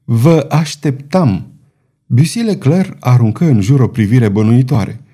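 Un narator bărbat care citește un roman de aventuri cu dramatism și intonație foarte vie. Timbrul e cald și domol, cu înălțime obișnuită. Lectura are ritmul unei cărți audio bine jucate. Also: male voice, mid-range voice. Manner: expressive, dramatic storytelling. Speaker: narrator. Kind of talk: audiobook narration.

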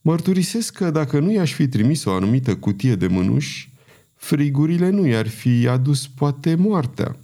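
A man voicing a feeble, dying old queen in an audiobook, speaking slowly in a wheezing, barely audible rasp. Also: fairly high pitch, very animated, dark tone. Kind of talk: audiobook character reading.

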